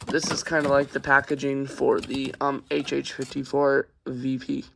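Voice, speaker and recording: Speaking in a monotone at normal speed, a man with a medium-pitched voice and vocal fry is heard over background noise. The hobbyist video host records an unscripted, casual show-and-tell review on a handheld camera from a carpeted room at home, hesitating and rambling throughout.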